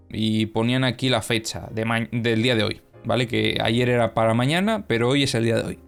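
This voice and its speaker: A man's voice: medium pitch, smooth. A young man hosting crypto news and analysis, talking in a chatty, explanatory way with many fillers and self-corrections. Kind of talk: casual news commentary.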